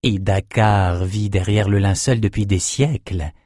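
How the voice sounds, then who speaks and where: A man voicing a smug, scheming male chief sorcerer who speaks softly and smoothly in a storybook. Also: fairly low pitch, a little slow, dry recording, clean studio sound.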